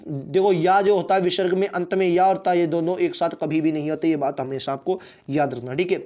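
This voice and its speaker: A man's voice: a little high, steady tone, brisk, a little mellow. A man teaching an online exam-prep Hindi lesson, repeating words and checking in with "theek hai". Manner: repetitive, drills spellings with "theek hai". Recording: dull lo-fi recording.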